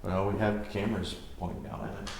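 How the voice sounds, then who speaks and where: A man's voice: lowish voice, flat delivery, a little fast, gravelly. A man chatting casually and bluntly in slangy speech as a paranormal investigator. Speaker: paranormal investigator handling camera and audio gear. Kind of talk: casual chat. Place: indoor hallway. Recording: echoey hallway, distant mic, faint noise.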